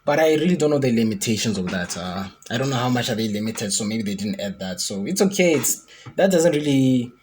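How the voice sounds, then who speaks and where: A man's voice: mid-range voice, expressive, brisk, darkish tone, a little hiss or hum. A man giving casual, rambling commentary as he reacts to a video game trailer. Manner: chatty, rambling, speculative. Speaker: gaming YouTuber reacting to a trailer.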